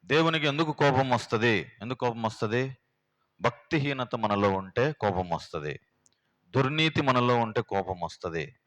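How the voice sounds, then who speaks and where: Male pastor, middle pitch, homely preaching full of rhetorical questions. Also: lively intonation, normal speed, fairly bright tone. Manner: plain, homely, fires rhetorical questions at the congregation. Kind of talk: sermon teaching. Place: prayer house.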